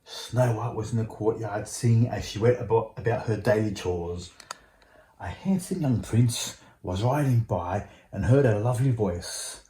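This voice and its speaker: With a warm, fairly low voice and an unhurried pace, a man reads from a storybook in a bedtime-father manner, now and then stumbling over a word. He's indoors at home, recorded in a roomy space with faint background noise.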